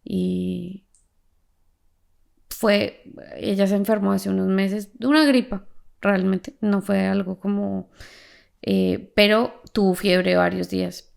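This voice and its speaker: Woman podcast host with a heavily creaky voice, an animated storyteller in a faith conversation. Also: mid-range voice, slow pace, pauses often. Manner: animated storyteller who laughs as she talks.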